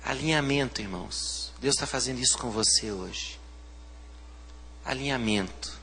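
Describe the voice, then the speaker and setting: Man, Brazilian Portuguese accent, pastor's sermon, hushed to loud fervent preaching, bright ringing tone. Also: mid-range voice, moderate pace, vocal fry, in a large hall, slight background noise.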